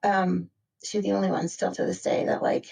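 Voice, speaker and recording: A woman's voice: lowish voice, flat delivery, moderate pace, creaky, a little mellow, husky, rough recording. Chatty woman guest, rambling and reflective. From Maryland, United States. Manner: rambling and reflective, heavy use of "like" and "you know". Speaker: podcast guest. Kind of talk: casual conversational interview.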